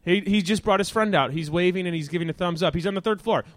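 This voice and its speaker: A male talk show host riffs through a rambling comic monologue in front of a live crowd outdoors. His voice sits high, and the sound is dry and close, with almost no room around it. He jumps between jokes and asides and breaks into the odd shout. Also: quick pace, dry recording. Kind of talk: live stand-up style monologue to an audience.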